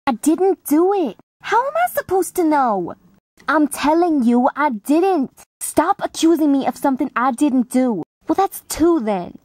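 A woman plays a high-pitched teenage monster girl, the aggrieved little sister, talking through braces. The delivery is sassy and whiny, in an amateur cartoon audition with a dry sound. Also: animated, unhurried, darkish tone, no room sound. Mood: defensive.

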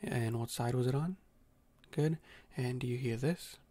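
Soft-spoken man in whispered role-play. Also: medium pitch. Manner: soft-spoken, slow and gentle, with frequent hesitant fillers. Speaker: doctor giving a cranial nerve exam.

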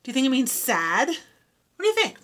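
A woman's voice: high-pitched, normal speed. A woman reading a picture book aloud to children, stopping to explain new words and ask them questions. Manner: animated, asks children questions. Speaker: storybook reader for children. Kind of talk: children's read-aloud with vocabulary teaching.

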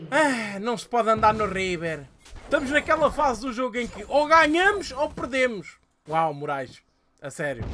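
A young man with a European Portuguese accent giving live gameplay commentary, excitable and swearing, with shouting outbursts. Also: very high voice. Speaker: gamer.

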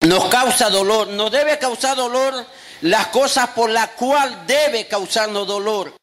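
High-voiced, slow-preaching pastor man. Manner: emphatic preaching, acting out quotes and rising to shouts. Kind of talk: sermon.

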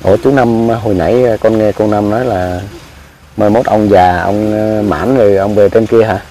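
A man with a low, warm voice talks casually outdoors. He is polite and agreeable, answering with frequent soft assent. Faint ambient noise sits under his voice. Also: fairly even intonation, moderate pace, poor audio. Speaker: host. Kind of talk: casual chat. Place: outdoors in a rural yard.

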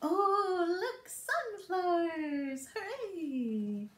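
Her very high voice lively and very slow, a middle-aged librarian runs a toddler storytime of read-alouds, songs and rhymes, all playful, encouraging and singsong. The small book-lined office produces a roomy indoor echo.

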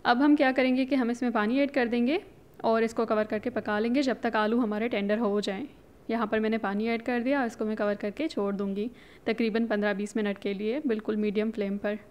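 Hosting her own cooking channel, a woman talks viewers casually through each step of a recipe, chatty and instructive, with English words mixed in. Her voice is a little high and a little mellow.

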